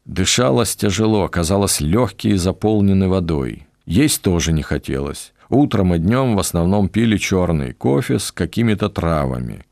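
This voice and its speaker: A man reading his own adventure audiobook in a measured, wry storytelling manner. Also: low voice, expressive, vocal fry, darkish tone, dry recording, clean studio sound. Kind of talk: scripted audiobook narration.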